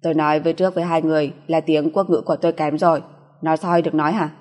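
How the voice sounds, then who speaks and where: A woman's voice: low-pitched, steady tone, very fast, darkish tone, close to an everyday voice. A woman voicing a brash, cocky male mercenary who talks coarsely and swears, read in a long reverb.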